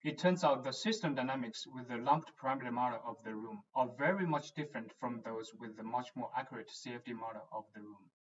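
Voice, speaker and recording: A man, a research engineer, giving a scripted, measured technical explanation as a voice-over for presentation slides. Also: medium pitch. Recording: distant, dull lo-fi voice-over.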